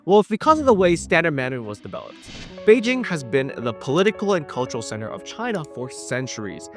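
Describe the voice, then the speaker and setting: A man's voice: on the high side, sing-song, fast talker, over music. A man hosting an explainer video, narrating a script in a conversational way. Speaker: video host.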